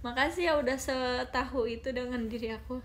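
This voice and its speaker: A young woman with a high-sitting voice chats casually and fairly quickly on a phone live stream from home, giggling and reading viewer comments aloud. She often calls her viewers "guys," and there's slight background noise.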